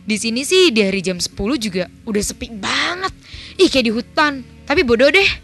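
Brief: young woman, emotional confessional storyteller, casual slang, bright high voice. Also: animated, moderate pace, soft background music. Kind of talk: dramatized personal story narration.

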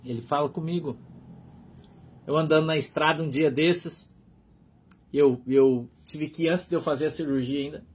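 A man's voice: a little high, fairly even intonation, moderate pace, long pauses, darkish tone, husky. A Brazilian man with a Brazilian Portuguese accent, a pastor preaching in a conversational way and often checking that his listeners follow along. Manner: conversational preaching, keeps asking the flock "understood?". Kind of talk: sermon.

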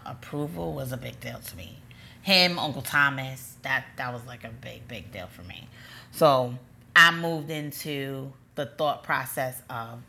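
A young adult woman telling a personal story in casual chat, animated and acting out quoted voices with lots of "like". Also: a bass voice, a little hiss or hum. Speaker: storyteller recounting her courtship.

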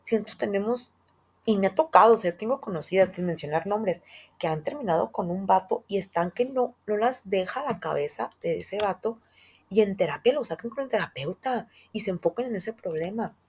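A young woman with a Mexican Spanish accent hosting a casual podcast monologue, full of slang and emphatic asides. Her voice has a husky, breathy texture and sits at a medium pitch. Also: animated, brisk, darkish tone. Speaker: podcast host.

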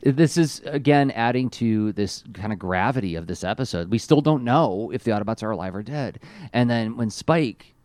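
A man co-hosting a podcast, chatting casually about a cartoon episode, excitable and quick to laugh. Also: medium pitch, no room sound. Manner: excitable, laughs often, animated asides. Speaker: podcast co-host.

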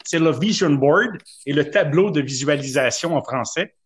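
A chatty man with a Québécois French accent and a fairly high voice, co-hosting a casual podcast chat. He tells stories loosely and pokes fun at himself. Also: animated, normal speed. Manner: chatty, self-mocking, storytelling. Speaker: podcast co-host.

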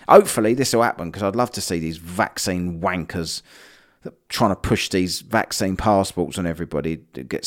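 Solo podcast host, man with a lowish voice, blunt and sweary. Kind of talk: casual solo commentary.

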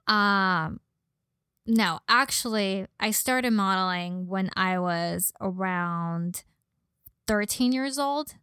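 In a casual podcast interview, a young adult model and personal trainer talks slowly in a mid-range voice that's pushed, bright, clear, and resonant. The studio-quality audio has no room sound, and her slight Valley girl Californian accent reflects her Los Angeles upbringing, though she was born in Mexico.

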